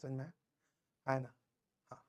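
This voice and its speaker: A man's voice: mid-range voice, little pitch movement, normal speed, a little mellow. A male teacher giving students a conversational motivational talk, telling stories from his own student days and often checking that they follow. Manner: conversational, keeps checking in with listeners; tells personal anecdotes.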